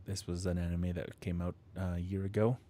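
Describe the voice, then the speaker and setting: This man's voice sits low and warm, brisk and level in tone, with a little hiss or hum in the audio. He hosts a home livestream building model kits and chats casually, rambling with restarts, fillers and frequent chuckles, close to a studio microphone with proximity effect.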